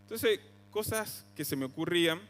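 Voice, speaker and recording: A young man with an Argentine accent, preaching a sermon in a conversational way, his voice jumping higher on quoted cries. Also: animated, normal speed, a bit bright, long reverb tail. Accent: Argentine Spanish (voseo). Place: church hall.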